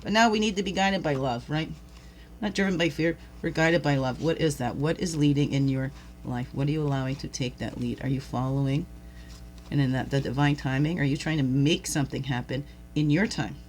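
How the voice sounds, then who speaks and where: A woman's voice: deep voice, fairly quick, a little hiss or hum. A woman hosting a daily spiritual reflection, talking loosely, laughing at herself and asking the listener many questions. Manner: rambling, warm-hearted, laughs at herself, asks the listener questions. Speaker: host of a daily reflection show. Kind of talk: casual spiritual reflection talk.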